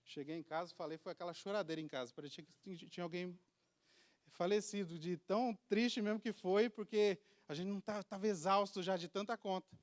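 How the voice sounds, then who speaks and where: A man's voice: high voice, fairly even intonation, fairly quick. A man with a Brazilian accent giving a heartfelt personal testimony at a church service, telling his story to the congregation. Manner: heartfelt storytelling, addresses listeners as beloved.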